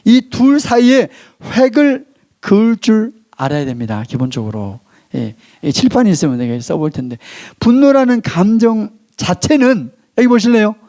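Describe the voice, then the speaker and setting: A male pastor preaching a sermon in a church, who leads the congregation in reading aloud and slows down to stress key phrases before dropping his voice. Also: high voice, expressive, warm tone.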